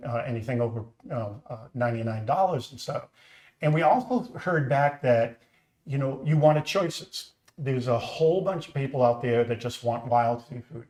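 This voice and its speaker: A company founder, middle-aged and Boston-accented, tells his story earnestly and chattily during a casual live stream from his home kitchen. His voice is medium-pitched with a darkish tone, and the room echoes.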